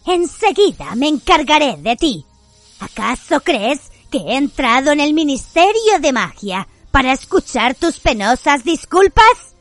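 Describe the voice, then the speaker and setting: A menacing dark wizard man voiced by a woman, speaking in a cold, high, quiet voice. He is measured and slow, deliberate in a dry, close storybook reading. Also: big pitch swings, no echo, faint music behind. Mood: icy.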